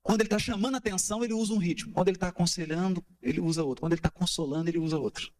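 A man's voice: high voice, very fast. A man giving an explanatory talk to a study group, asking rhetorical questions and tapping out rhythms as he goes. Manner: animated, asks rhetorical questions, taps out rhythms.

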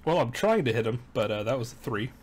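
A man's voice: medium pitch, big pitch swings, fast talker, a little mellow. Chatty man playing a tabletop game. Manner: chatty, rolls and adds damage aloud. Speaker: player. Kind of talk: casual tabletop game play.

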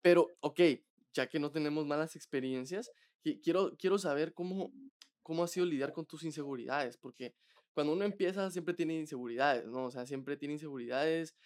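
Chatty man interviewer, slightly high voice. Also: brisk. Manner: chatty, repeats words, many fillers. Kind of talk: casual interview chat.

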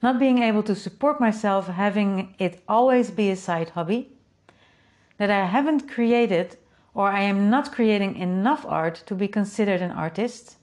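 This woman's voice sits at medium pitch with a darkish tone and a moderate pace, and she has the accent of a native Dutch speaker. As an artist and host of a creative community, she delivers a reflective solo talk to its members, thoughtfully asking rhetorical questions and tacking on "right?".

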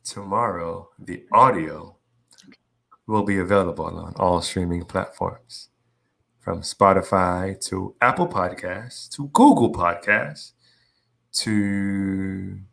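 Man, podcast host, bright forceful voice, playful hype talk, casual chat. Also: sits low, slow, vocal fry. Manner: playful hype talk, often adds "right?" and "you know what I mean".

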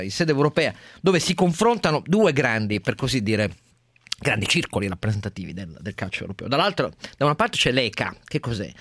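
Male radio host. Off-the-cuff news commentary, halting delivery with punched key words, close dry sound. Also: on the low side, fairly bright tone, no echo.

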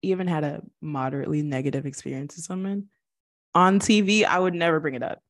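A young woman co-hosting a podcast in casual chat, expressive, laughing often and asking rhetorical questions. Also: deep voice, fast, dry recording, studio quality. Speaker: podcast co-host.

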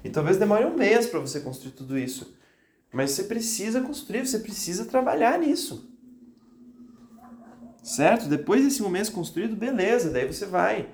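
This is a man's high-pitched, very animated voice, darkish in tone and reverberant, moving at a normal speed. As host of a motivational podcast for teachers, he talks insistently and repeats phrases for emphasis. He sounds a bit congested from a cold and coughs occasionally.

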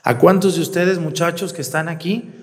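A Mexican man preaching a sermon as a priest in a lively, animated way. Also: on the high side, a little fast, big-room sound. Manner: animated, acts out complaining voices.

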